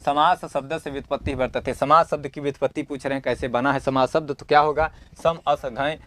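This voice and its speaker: A man's voice: medium pitch, steady tone, quick pace, fairly bright tone. A male Sanskrit teacher going through a model exam paper. He reads Sanskrit lines aloud, explains them in plain Hindi, and keeps asking the class questions that he answers himself, in a homely, encouraging way. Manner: homely and encouraging, with everyday comparisons.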